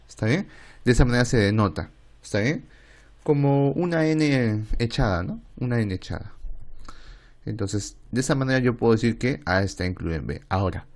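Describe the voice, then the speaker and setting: A man with a Peruvian Spanish accent and a fairly low voice teaches a math lesson online. He goes step by step, asks questions aloud in a student's voice and answers them himself, and often stops to check with "¿está bien?". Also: darkish tone. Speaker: math tutor.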